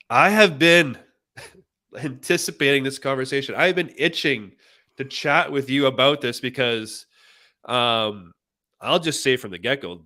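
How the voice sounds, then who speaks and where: A male host leads a casual live review chat in a bright, forceful voice. He sounds nasal and congested from a cold. He talks eagerly in quick bursts, with plenty of fillers. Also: mid-range voice.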